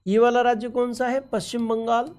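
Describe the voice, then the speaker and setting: A woman's voice: a little high, level tone, moderate pace, darkish tone. A woman teaching an exam-prep geography class over a map, fondly calling her students children and quizzing them with repeated questions and frequent okay checks. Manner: affectionate, addresses students as children.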